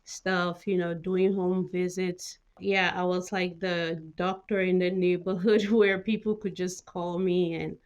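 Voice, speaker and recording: On the low side and flat, her delivery comes at a measured pace with few pauses. This middle-aged mental health nurse practitioner from Cameroon talks informally as an interview guest, scattering filler phrases throughout, "you know" chief among them.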